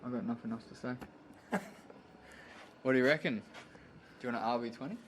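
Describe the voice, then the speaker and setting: A man's voice: mid-range voice, a little fast, slight background noise. A man chatting casually as a vlog host, laid-back, slangy and sweary. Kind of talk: casual car vlog chat.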